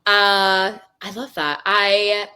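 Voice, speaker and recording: A woman singer-songwriter as an interview guest over a video call, an animated storyteller who laughs often. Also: mid-range voice, drawn-out words, clear, resonant tone. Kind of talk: casual interview.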